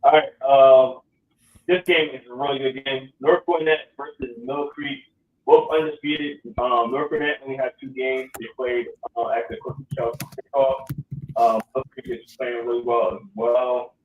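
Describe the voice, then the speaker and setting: A man's voice: mid-range voice, level tone, moderate pace, slight background noise. A man hosting casual sports talk, rambling with lots of ums. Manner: loose, rambling, many ums. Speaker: podcast host. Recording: echoey, distant, phone-like audio.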